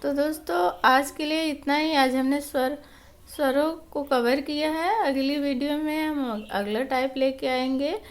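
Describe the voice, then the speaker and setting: A woman with a high, light voice, teaching a class. She explains patiently, restating each point in simpler words and walking through examples one by one. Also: steady tone, measured pace.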